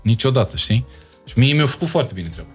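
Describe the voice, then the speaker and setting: A man's voice: medium pitch, animated, breathy edge. Young man, Moldavian Romanian accent, interview guest, emphatic, repeats words for stress, faint music behind. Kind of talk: casual interview talk.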